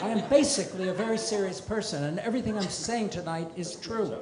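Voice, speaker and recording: On a club stage, an older man performs a stand-up set, firing off dry one-liners and self-deprecating asides in a fast, high-sitting voice. The roomy club is noisy, with loud audience laughter over the recording.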